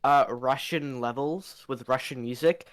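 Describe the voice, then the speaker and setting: A man's voice: medium pitch, measured pace. A young man chatting casually as a podcast co-host, laid-back and stammering at the start of his sentences. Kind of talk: casual chat.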